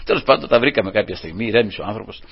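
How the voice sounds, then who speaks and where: A man's voice: lowish voice, creaky, slightly rough. Fervent male preacher on lo-fi radio. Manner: fervent, keeps calling the listeners brothers. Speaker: Pentecostal preacher. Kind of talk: sermon.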